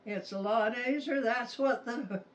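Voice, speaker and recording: A woman in her nineties with a rural Utah American accent tells a childhood story as a grandmother, casually, in a folksy, halting, plain-spoken way. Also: on the high side. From Utah, United States. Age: 90s. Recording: distant mic with faint background noise.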